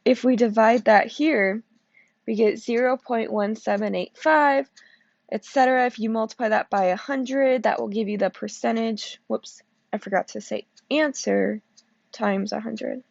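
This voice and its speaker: A woman's voice: fairly high pitch, steady tone, unhurried, vocal fry, dry recording, lo-fi sound. A woman teacher walking through probability problems step by step, sleepy and checking in with "okay?" as she goes. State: sleepy, yawning. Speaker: math teacher. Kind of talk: recorded classroom lesson walkthrough.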